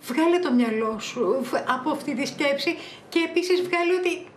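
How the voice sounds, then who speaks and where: A woman's voice: high-pitched, expressive, a little hiss or hum. An actress playing a doting mother comforting her grown son, soothing and fussy. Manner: soothing, fussing. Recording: roomy echo.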